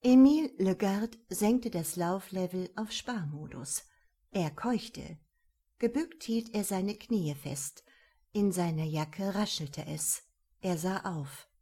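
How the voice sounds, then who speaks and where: Slow, measured woman narrating a crime novel. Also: mid-range voice. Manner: calm, measured reading. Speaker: audiobook narrator. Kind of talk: scripted narration.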